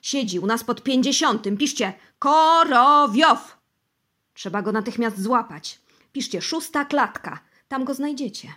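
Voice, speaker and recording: A woman voicing a heavyset, frightened middle-aged official who pleads, shouts and swears his innocence in an audiobook. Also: sits high, animated, takes it slowly, few pauses, pitched above the performer's own voice, heavily acted. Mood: shouting. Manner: shouting, pleading, crossing himself.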